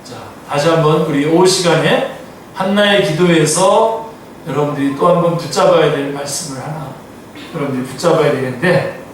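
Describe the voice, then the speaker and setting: A man's voice: on the high side, moderate pace, a little hiss or hum. A man who is a pastor, reading scripture aloud and explaining it to his congregation in an afternoon Bible study, often asking them questions. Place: church sanctuary. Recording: echoey church hall, mic from far off.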